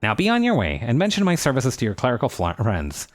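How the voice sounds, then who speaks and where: A man's voice: medium pitch, wildly swooping pitch, fast talker, pitched above the performer's own voice. A man voicing a boastful, nerdy male bird-creature bookbinder in a game, pompous and curt.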